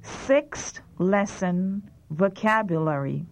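A woman's voice: medium pitch, slow. A woman reading phrasebook lines for a language course, carefully enunciated. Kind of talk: slow scripted phrasebook drill. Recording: dull lo-fi tape recording.

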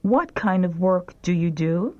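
Speaking at a measured pace in an animated, low-leaning voice, a woman reads phrasebook lines for a language course. It's a slow, scripted drill, carefully enunciated and captured on dull lo-fi tape.

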